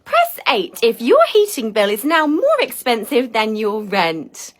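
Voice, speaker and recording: A woman's voice: a little high, wildly swooping pitch, measured pace, heavily acted. A woman performing a sarcastic automated phone menu, read in the cadence of a recorded phone message. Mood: deadpan sarcastic.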